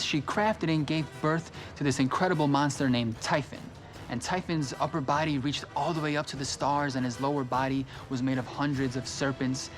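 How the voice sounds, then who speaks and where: Higher-pitched man explaining legends. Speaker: documentary interviewee. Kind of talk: explanatory storytelling. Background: music.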